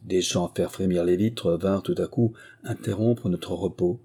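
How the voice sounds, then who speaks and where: A male audiobook narrator with a deep, dark, husky voice. He tells the story in a measured, literary way, with his pitch sitting on the low side. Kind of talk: scripted narration.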